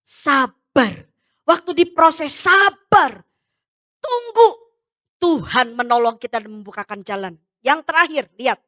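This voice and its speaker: A woman pastor preaching a sermon, emphatic, swinging between loud urging and soft low asides. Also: expressive, unhurried, dry recording, clean studio sound.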